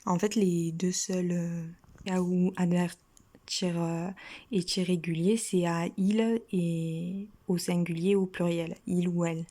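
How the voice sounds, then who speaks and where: Soft-spoken French woman reciting verb endings. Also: fairly low pitch, fairly even intonation. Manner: slow, patient recitation of verb endings, often half-whispered. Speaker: teacher. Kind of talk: casual language lesson.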